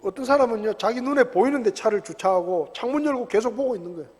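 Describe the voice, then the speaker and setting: A middle-aged male pastor from South Korea preaching a sermon, full of rhetorical questions and sudden shouted bursts. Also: very high voice, lively intonation, quick pace, long reverb tail. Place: church sanctuary.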